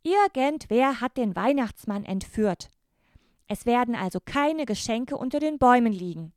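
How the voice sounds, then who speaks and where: A woman's voice: on the high side, animated, normal speed, a little mellow, no room sound, clean studio sound, voice pushed up, lightly acted. A woman voicing a young boy, an eager older brother, who talks in a raised, insistent and breathless way.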